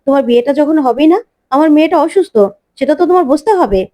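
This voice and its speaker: A woman's voice: sits high, racing, dark tone, natural voice. A woman voicing an indignant, protective middle-aged mother in a story recap.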